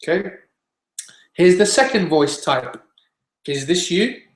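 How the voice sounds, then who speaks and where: Slow, patient male singing teacher. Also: sits high, animated, soft background music. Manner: slow, patient explaining with sung scale demonstrations. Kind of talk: online webinar lesson. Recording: echoey room.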